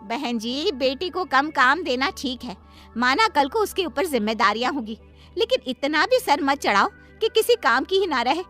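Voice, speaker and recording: A woman's voice: sits high, sing-song, normal speed, sharp tone, soft background music, full character voice. A woman voicing a nosy, preachy middle-aged neighbor in a cartoon story. She gives advice in a meddling way. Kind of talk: Hindi cartoon voice acting.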